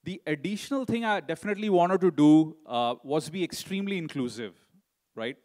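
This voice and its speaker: A middle-aged man giving a conference talk in a conversational way, often tagging sentences with "right?" and filling pauses with "you know". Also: on the high side, lively intonation, darkish tone. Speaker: conference speaker.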